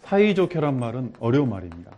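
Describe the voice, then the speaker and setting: A man preaching a practical church lesson, who acts out short spoken examples and jumps from quiet explanation to loud, laughing bursts. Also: mid-range voice, fast, highs cut off. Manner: lively, acts out quotes with sudden loud bursts. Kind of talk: church teaching talk.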